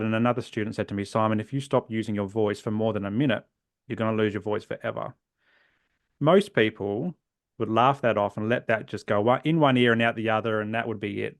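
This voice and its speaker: This forty-something South Australian guest has a lowish voice, recorded in clean studio sound with no echo. Being interviewed for a podcast, he earnestly reflects on his own experiences, frequently trailing off quietly as phrases end.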